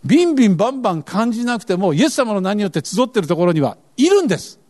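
High, animated preaching man. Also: fast. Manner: earnest, asks the congregation questions. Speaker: pastor. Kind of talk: sermon.

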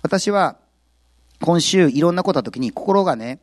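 A male pastor giving a sermon, telling the story with lively, acted-out quotes. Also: a little high, moderate pace, dry recording. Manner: animated storytelling, acts out quotes.

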